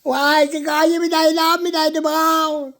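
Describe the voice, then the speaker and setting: A man playing an excitable, giggly young man with a Quebec French accent, proud of his medals. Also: very high-pitched, moderate pace, pitched above the performer's own voice.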